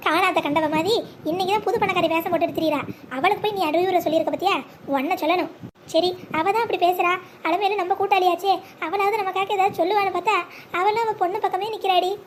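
A woman voicing a sharp-tongued old village grandmother in a cartoon, blunt and scolding. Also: extremely high pitch, slight background noise. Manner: scolding, blunt, fast-talking. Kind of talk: Tamil cartoon voice acting.

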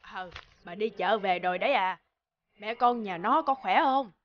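A woman's voice: mid-range voice, normal speed, lightly acted. Older village neighbor, voiced by a woman, chatty and sympathetic, muffled recording.

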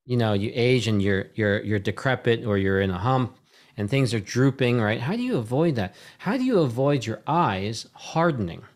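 A middle-aged man with a mid-range voice and big pitch swings talks at a normal speed into a boom-arm desk microphone, hosting a casual video call from a home room lined with bookshelves. His talk rambles and circles back with restarts, and he checks in with little "right?" tags as he builds a point.

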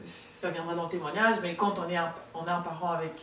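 A woman's voice: fairly low pitch, steady tone, quick pace, fairly bright tone. A woman in her thirties telling her personal faith testimony as a talk show guest, earnest and hesitant with many restarts. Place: studio set with sofa, indoors. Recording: roomy, distant, faint room noise.

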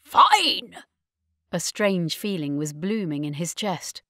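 A woman narrating an audiobook in a measured, dramatic storytelling manner. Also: low voice, no room sound, clean studio sound. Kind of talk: scripted narration.

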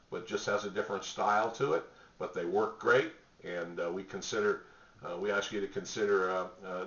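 A middle-aged man pitching gift products to the camera from a small home office, relaxed and rambling with many fillers. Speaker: store spokesman presenting products. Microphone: webcam at desk distance. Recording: roomy, distant, dull webcam audio.

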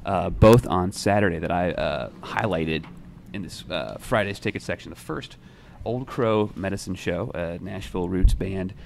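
Young male host, very low voice, laid-back and rambling, faint room hum. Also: moderate pace, vocal fry, hardly any pauses. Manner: relaxed, rambling, many fillers and restarts. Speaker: music writer and show host. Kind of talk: casual newsroom chat. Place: newsroom studio. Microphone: desk microphone.

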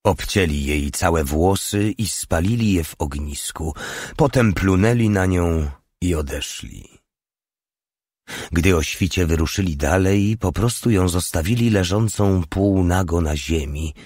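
Brief: male audiobook narrator, very deep voice, dry close recording, measured and grave. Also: a little mellow, no echo. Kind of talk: scripted narration.

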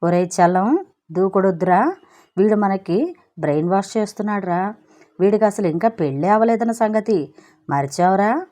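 A woman's voice: mid-range voice, normal speed, dark tone, natural voice. A woman voicing Chinna, a sarcastic and wary young man who teases his friend. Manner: mocking, wary.

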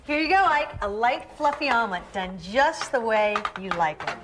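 Perky housewife, played by a woman, high and animated, hard-sell ad demonstrator, faint background noise. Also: normal speed, close to an everyday voice. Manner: perky, emphatic. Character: perky enthusiastic housewife demonstrating a kitchen gadget. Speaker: infomercial demonstrator. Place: studio kitchen set.

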